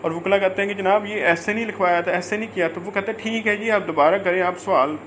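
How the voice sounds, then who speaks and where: A Pakistani man with a high, fairly bright voice gives an informal lecture like a law teacher, his intonation fairly even. He speaks haltingly, repeats phrases, and alternates between reading formal text, stretching out the English words, and explaining it. Faint noise lies behind the homemade recording.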